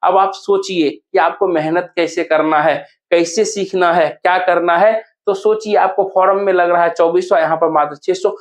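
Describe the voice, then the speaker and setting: Coaching teacher, male, high-pitched, Bihari Hindi accent; self-questioning promo lesson, slows on key words. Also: steady tone. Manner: asks and answers his own questions, slows to repeat key words. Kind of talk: promotional exam-prep lesson.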